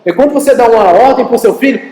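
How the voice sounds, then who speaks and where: A man's voice: extremely high pitch, fast. A man with a Brazilian Portuguese accent preaching a sermon to his congregation, telling stories and speaking directly to them. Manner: animated storytelling preacher, addresses congregation directly. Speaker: pastor. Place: church hall. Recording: echoey church hall, roomy reverb.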